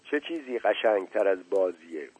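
A man voicing a small, wounded female sparrow in a storybook reading, speaking softly and gratefully. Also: on the low side, lively intonation, breathy edge, phone-quality sound. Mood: eager. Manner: soft, warm, grateful. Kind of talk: storybook character voice.

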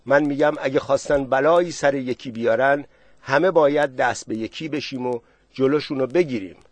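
A man's voice: mid-range voice, dry recording, voice pushed up, close to an everyday voice. A man voicing a worried middle-aged villager who presses others with anxious questions.

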